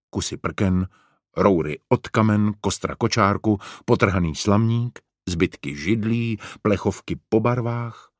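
Deep-voiced man reading a storybook. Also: no echo, clean studio sound. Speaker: narrator. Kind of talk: audiobook narration.

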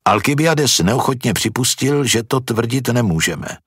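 A man reading a story aloud in measured scripted narration. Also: medium pitch, lively intonation, fairly bright tone, slightly rough, dry recording, studio quality.

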